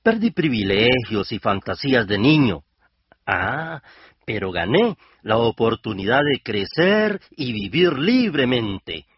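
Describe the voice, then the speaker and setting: Male reader, earnest measured reflection, animated intonation, muffled radio quality. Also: mid-range voice, husky, dry recording. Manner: earnest, measured, rising toward the end. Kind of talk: reflective scripted narration. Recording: dull lo-fi radio recording.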